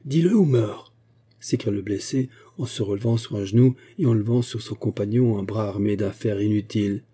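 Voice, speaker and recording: Male audiobook narrator, dark mellow tone, husky, lowish pitch. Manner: even, measured storytelling. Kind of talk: novel reading.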